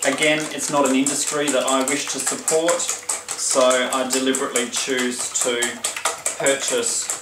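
A man's voice: mid-range voice, background noise, natural voice. Man playing a genteel lady cooking hostess, roomy kitchen. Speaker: cooking show host. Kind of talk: cooking demonstration. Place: indoor home kitchen. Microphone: distant camera microphone. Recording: roomy kitchen, distant mic, clattering dishes.

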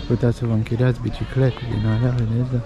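A man's voice: medium pitch, flat delivery, crowd noise. A man vlogging casually as he walks through an old town, pointing out sights, food and prices. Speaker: travel vlogger. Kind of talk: casual walking-tour commentary. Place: outdoors in a pedestrian old town. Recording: lo-fi outdoor recording with street noise.

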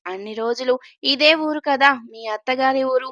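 A woman's voice: sits high, normal speed, pushed and bright, dry recording, clean studio sound. A woman voicing a caring middle-aged aunt who soothes and advises a young girl, in a Telugu storybook reading. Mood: suspicious.

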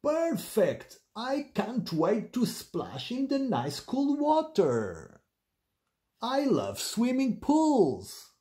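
Casting: a cheerful clumsy pig girl for a children's storybook, high and lilting, slow and mellow, done by the narrator. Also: wildly swooping pitch, exaggerated voice. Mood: eager. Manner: slow, sing-song and high.

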